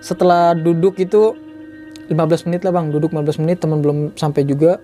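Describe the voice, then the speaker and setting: Chatty young man, dark voice, soft music. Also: fairly high pitch, level tone, fast. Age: 20s. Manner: chatty, loose, fills sentences with "gitu" and "Bang". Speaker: guest storyteller. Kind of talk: casual storytelling.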